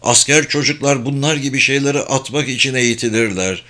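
Suspicious, argumentative old fisherman, read by a man, bright. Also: mid-range voice, fairly quick, natural voice.

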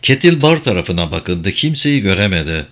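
A man reading a crime novel aloud as a steady, even audiobook narrator. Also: deep voice, moderate pace. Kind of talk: scripted narration.

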